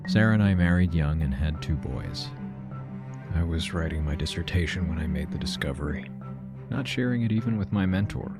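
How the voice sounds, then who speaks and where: Over loud background music, a man with a low voice speaks animatedly and fairly quickly in a first-person fiction podcast. He plays a wry, self-deprecating computer scientist in an audio drama, delivering a dry, confessional, reflective monologue.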